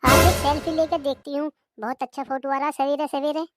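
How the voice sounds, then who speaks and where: A woman's voice: high-pitched, steady tone, fairly quick, over loud music, close to an everyday voice. A woman voicing a lazy, defiant young daughter-in-law in a cartoon who talks back. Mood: cheeky. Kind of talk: cartoon voice acting.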